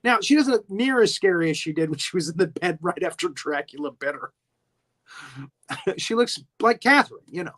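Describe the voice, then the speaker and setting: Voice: mid-range voice, lively intonation, moderate pace, a bit bright. A podcast host giving a casual movie recap, chatty and giggly, full of asides.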